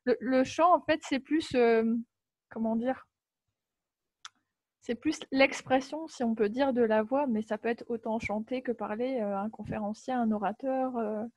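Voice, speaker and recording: A high-pitched woman hosts a casual live video chat, talking freely and reading out viewer comments. Her voice is close and dry, with no room sound. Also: steady tone, measured pace, no room sound. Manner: chatty, reads out viewer comments. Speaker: host.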